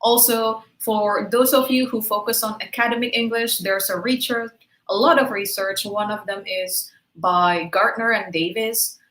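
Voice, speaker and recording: Speaking at a steady, slightly slow pace, this Indonesian webinar speaker has a middle-pitched, somewhat bright voice, and her first language is Indonesian. She patiently leads teachers through examples one by one, asking "right?" to make sure they keep up. A clear room echo colors the sound.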